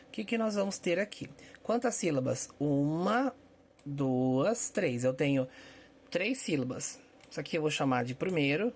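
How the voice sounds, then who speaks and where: A man's voice: fairly high pitch, husky. A man teaching a Portuguese grammar lesson for exam prep, explaining step by step and checking in with his students.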